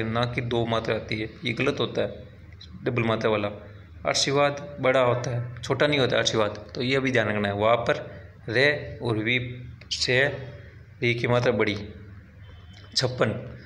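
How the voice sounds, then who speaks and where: A man's voice: mid-range voice, fairly bright tone. Man, teacher, step-by-step quiz explanation, mid-range voice, faint background noise. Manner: explains spelling step by step, correcting himself. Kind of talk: exam quiz walkthrough.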